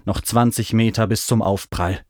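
A man's voice: fairly low pitch, steady tone, moderate pace, a little mellow, no echo, clean studio sound. A man narrating a first-person adventure story in a vivid, dramatic reading style. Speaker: audiobook narrator.

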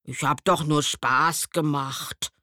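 A woman's voice: low voice, fairly even intonation, takes it slowly, bright, forceful tone, no room sound, exaggerated voice. A woman playing a grumpy old male stag beetle, stern, scolding, dry close sound. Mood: sheepish.

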